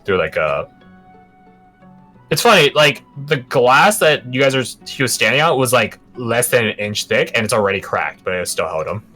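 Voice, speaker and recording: A man narrating a tabletop game as game master, moving between dramatic, drawn-out description and casual asides. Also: mid-range voice, sing-song, pushed and bright, soft background music.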